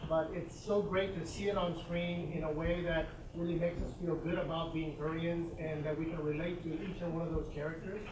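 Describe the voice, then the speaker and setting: A man's voice: on the high side, fairly even intonation, fairly quick, hardly any pauses, noisy background. A man in the audience giving a heartfelt, earnest comment. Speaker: audience member. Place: theater audience. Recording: echoey hall from far off.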